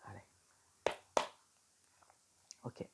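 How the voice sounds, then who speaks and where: A tired young woman giving a casual card reading, chatting straight to the viewer with many fillers. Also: extremely slow. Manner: whispers questions to the cards. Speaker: tarot reader.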